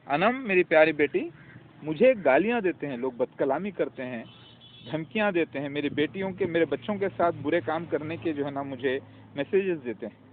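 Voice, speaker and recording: A man giving a long preachy personal message in a pleading tone, calling the listener his daughter and now and then shouting at barking dogs. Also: fairly high pitch, lively intonation. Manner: shouts at barking dogs, breaks off mid-phrase. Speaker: self-proclaimed religious claimant. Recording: phone-like lo-fi with faint noise.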